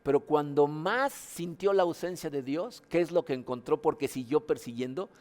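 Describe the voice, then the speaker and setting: A man's voice: a little high, moderate pace, darkish tone, long reverb tail. A male pastor, preaching in a conversational way with many rhetorical questions. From Mexico. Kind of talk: sermon. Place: church hall.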